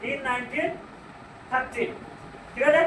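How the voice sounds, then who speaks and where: A man with a Bengali accent teaching an English grammar lesson. He asks the class questions, answers them himself, and reads English sentences out slowly. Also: extremely high pitch, pushed and bright. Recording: echoey room, far from mic, noisy.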